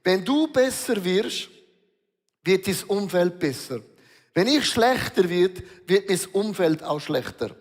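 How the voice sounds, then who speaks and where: A man's voice: sits high, very animated, takes it slowly. A man preaching a sermon as pastor, emphatic and storytelling, mixing in English words. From Switzerland. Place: large church hall. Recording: long reverb of a large hall.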